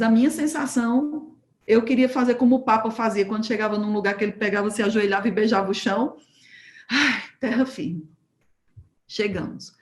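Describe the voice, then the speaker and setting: A woman preaching at a church home group, telling a testimony as a lively story and acting out the dialogue. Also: on the high side, reverberant. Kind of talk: sermon testimony told as a story.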